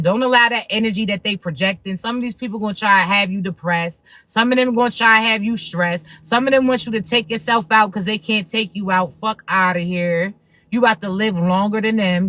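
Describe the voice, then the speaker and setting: A woman's voice: medium pitch, fairly bright tone, no room sound. A woman spiritual reader giving a blunt, profane, preachy pep talk to viewers on a livestream.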